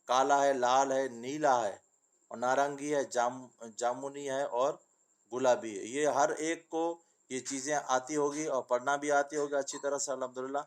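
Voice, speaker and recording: A patient male teacher walks children through letters and word lists in a steady sing-song. He asks his own questions and answers them, speaking a tinge. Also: medium pitch. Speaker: Urdu teacher. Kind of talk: children's reading lesson.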